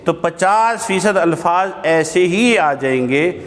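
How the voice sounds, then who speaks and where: A man with a slightly high voice delivers a grammar lesson as a classroom lecture. He talks conversationally, asking rhetorical questions and checking in with his listeners, while his voice rings with the long reverb of a large hall. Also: animated. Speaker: Arabic grammar teacher. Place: mosque hall.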